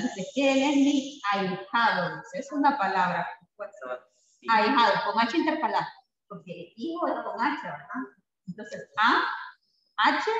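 A high-pitched man teaches a classroom spelling lesson, patient and checking in with constant tag questions. His voice comes from some distance, bouncing around a very echoey classroom. The sound is slightly dull and muffled. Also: sharp tone.

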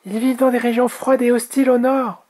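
A man's voice: very high voice, flat delivery, brisk, darkish tone, pitched above the performer's own voice. A man reading aloud and voicing a young, clever, eager female dragon. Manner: eager, breathless.

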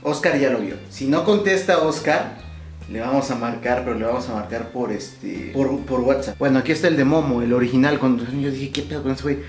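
Speaking briskly in a mid-range voice, a young Mexican-accented man hosts his prank vlog, bantering casually with viewers. He leans on slang and says things more than once. The small, shelved room gives an echo, and light music plays underneath.

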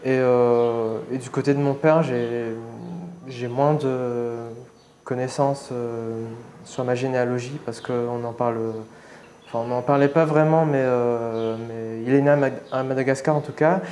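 A young man from Réunion gives a personal testimony in an interview, talking shyly and hesitantly with many pauses and restarts. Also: mid-range voice, steady tone, dark tone, slight background noise. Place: seated indoors against a plain wall.

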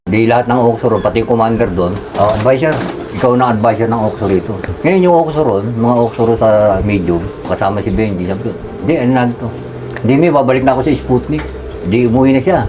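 A man talks quickly through memories of prison and gang loyalty, his voice at an ordinary male pitch. Clear background noise and ambient sound run behind him throughout. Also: animated. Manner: fast storytelling, dropping low and quiet when reflective. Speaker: interviewee, former gang member. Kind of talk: casual recounting of prison life.

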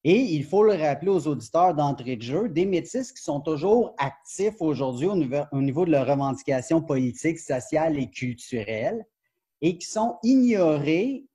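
A man's voice: a little high, lively intonation, normal speed, warm tone, slightly rough. A man in his forties with a Quebec French accent, a professor explaining his research in a video-call interview, talking animatedly with many fillers and restarts. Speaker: professor and book author, guest. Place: glass-walled sunroom indoors. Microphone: video call webcam.

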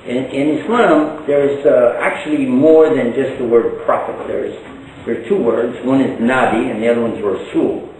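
An older man from Texas, with a Texan accent, gives a folksy public lecture as an Islamic preacher, sprinkling in joking asides. His mid-range voice moves at a normal speed and is a little mellow, recorded from a distance in a large, echoey indoor hall with slight background noise.

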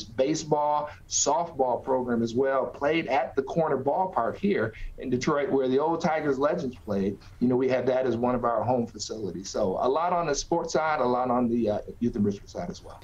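Speaking from a small office indoors, this nonprofit director, a middle-aged man, chats through interview questions over a video call. He talks at an ordinary pace in a mid-range voice, rarely pausing, and the call audio comes across a bit dull.

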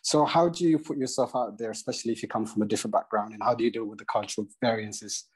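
Hesitant young man with a husky voice. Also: lowish voice, fairly even intonation. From Eritrea. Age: young adult. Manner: hesitant, halting, many fillers. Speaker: audience member asking a question. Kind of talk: question on a video call. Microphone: earphone mic.

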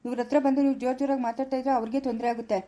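A woman playing a brisk hospital nurse in an amateur family skit, giving curt, scolding instructions. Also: high voice, flat delivery, dark tone, natural voice.

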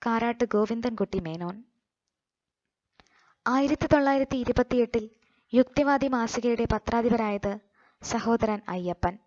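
A Malayali woman reading quiz questions and their answers for exam coaching, in a slow, measured manner. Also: a little high, no echo, highs cut off.

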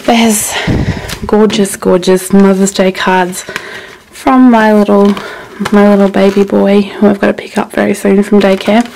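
A young woman with a creaky voice, chatting casually and rambling through a craft room tour, laughing often. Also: medium pitch, flat delivery, measured pace, a little mellow, a little hiss or hum, low-quality recording. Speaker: craft vlogger.

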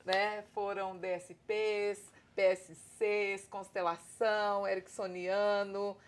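A woman's voice: medium pitch, flat delivery, takes it slowly. A Brazilian woman guest on a podcast, speaking earnestly and gratefully in spiritual terms. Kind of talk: heartfelt podcast testimony.

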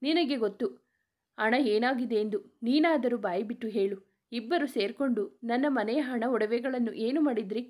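A woman's voice: fairly high pitch, normal speed, close to an everyday voice. A woman voicing a furious older father-in-law who hurls accusing questions in a spoken story. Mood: angry. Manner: accusing, shouting-angry questions.

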